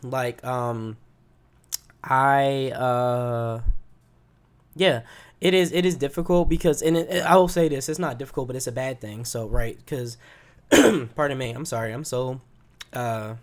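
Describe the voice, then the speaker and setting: A young man hosting a casual solo podcast, slightly hoarse, rambling with lots of fillers and frequent laughs. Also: medium pitch, a little slow, long pauses. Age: young adult. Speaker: podcast host.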